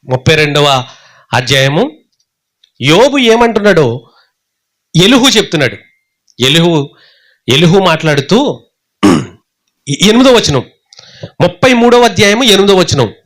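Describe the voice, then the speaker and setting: A man preaching a sermon as a pastor, who keeps asking the congregation questions and acts out the quotes. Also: fairly high pitch. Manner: animated, asks the congregation rhetorical questions, acts out the scripture quotes. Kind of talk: Telugu Bible sermon.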